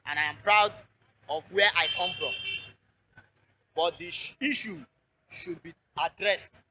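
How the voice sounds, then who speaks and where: A Nigerian man speaks in a high, bright voice, pressing each point with fervent repetition. He is interviewed outdoors by a road, and faint street noise sits behind him. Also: measured pace. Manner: impassioned, emphatic, repeats key phrases.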